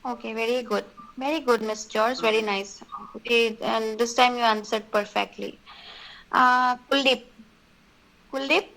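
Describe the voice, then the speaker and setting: A woman's voice: a little high, fairly even intonation, measured pace, creaky, pushed and bright, poor audio. A woman teaching an online class, calling students by name and praising their answers. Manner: encouraging, calls names and repeats prompts.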